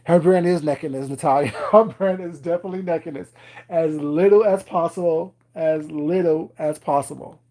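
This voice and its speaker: A man with a fairly high, warm voice talks at an ordinary pace on a live stream. He rambles casually, stuffing his chat with fillers and "you know what I'm saying," laughing often and teasing his viewers.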